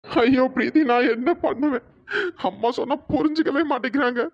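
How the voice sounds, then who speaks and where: A voice actor playing a desperate young husband in a cartoon drama, pleading and wailing in a pitch-raised voice. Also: fairly quick, no room sound, lo-fi sound.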